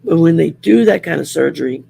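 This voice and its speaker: A middle-aged woman with a raspy, worn whiskey voice hosts a casual live chat in an unhurried, rambling, plain-spoken way. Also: low-pitched, expressive, warm tone, a little hiss or hum. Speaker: live show host.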